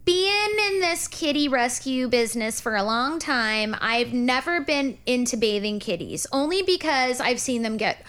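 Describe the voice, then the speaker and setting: Chatty woman with a high voice. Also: measured pace, hardly any pauses. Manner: chatty, animated, puts on playful voices for her cats. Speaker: cat rescuer and show co-host. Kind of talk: casual chat.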